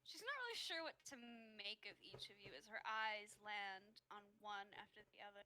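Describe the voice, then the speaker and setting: A woman game master narrating a tabletop game in an unhurried, giggly way with many ums. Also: medium pitch, animated, pushed and bright, a little hiss or hum, low-quality recording.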